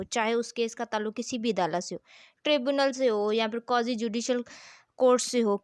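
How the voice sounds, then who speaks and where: A woman law lecturer teaches in a didactic manner, explaining material, reading passages aloud, and posing questions she then answers herself. Her voice is fairly high, captured as a dry, clean studio recording.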